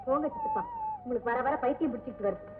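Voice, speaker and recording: This is a determined young blind woman, who speaks firmly and insistently. Her voice sits high. It reaches us from a distance, with a long hall-like reverb, on a thin, tinny old film soundtrack. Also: wildly swooping pitch, racing. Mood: resolute. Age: young adult. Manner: firm, insistent. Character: resolute young blind woman, unmarried daughter.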